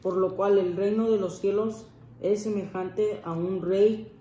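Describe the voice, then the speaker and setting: Slow halting Bible reader, echoey room. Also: mid-range voice, steady tone, warm tone. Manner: halting reading with stumbles and restarts. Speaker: scripture reader in class. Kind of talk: slow reading aloud of Bible verses. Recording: echoey room with faint noise.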